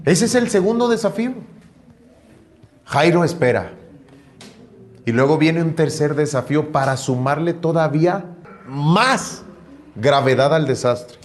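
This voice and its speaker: A middle-aged pastor preaching with a somewhat high voice. He tells his stories vividly and makes sound effects with his mouth. He keeps speaking to the congregation throughout. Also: a little slow, long pauses, slight background noise. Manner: animated storytelling with sound effects. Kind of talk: sermon.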